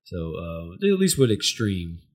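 A man's voice: sits low, very animated, a little slow. An American man hosting a casual discussion, recapping in a rambling, hesitant way as he searches for words. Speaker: podcast host.

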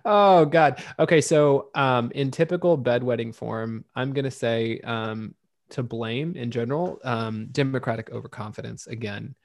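A man's voice: medium pitch, moderate pace, no echo, studio quality. A man co-hosting a podcast, chatting casually about politics in a profane, sarcastic, rambling way. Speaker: podcast co-host.

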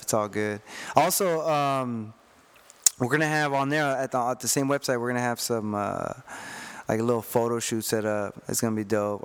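An easygoing man co-hosts a cycling podcast and cheers listeners on in casual slang. His voice has a middling pitch, and he tosses in "man" and "you know what I'm saying" as he goes. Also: smooth. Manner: easygoing, encouraging slang talk. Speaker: podcast co-host. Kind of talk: casual chat.

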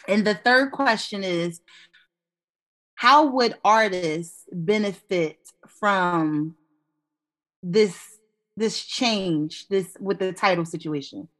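In a casual podcast conversation, a female co-host speaks at a medium pitch. Animated and laughing readily, she alternates spurts of exclamation with calmer, even explaining.

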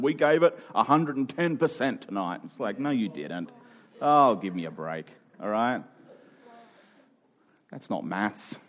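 Speaking at a medium pitch, this preacher takes an expository yet conversational approach, sounding informal and earnest while stressing key phrases.

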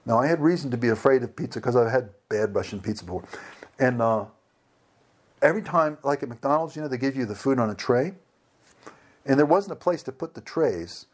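Animated man telling stories. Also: medium pitch, fairly quick. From United States. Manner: animated, acts out dialogue with laughs. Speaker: storyteller. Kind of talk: casual anecdote telling.

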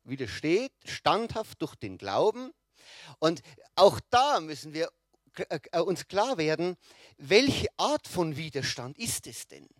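A man's voice: fairly high pitch, sing-song, slow pace, dry recording. A man preaching a sermon in a conversational way, often checking in with his listeners and restarting his phrases.

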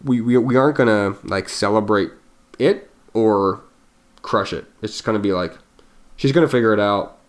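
Low-voiced man in easygoing chat. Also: moderate pace. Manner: musing, trails off and restarts. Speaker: podcast co-host. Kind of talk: casual chat.

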